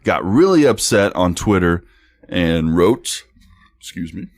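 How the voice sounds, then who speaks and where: A man's voice: sits low, big pitch swings, takes it slowly. A young man co-hosting a sports podcast in casual chat, blunt and profane, laughing often and reading tweets aloud. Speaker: podcast co-host.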